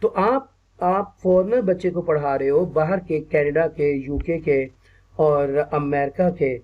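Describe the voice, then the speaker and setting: A man with a Pakistani accent giving an online teacher-training lecture, patiently repeating words slowly and checking in often with his listeners. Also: a little high, muffled recording. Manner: mixes English phrases into speech, asks "ठीक है ना" often.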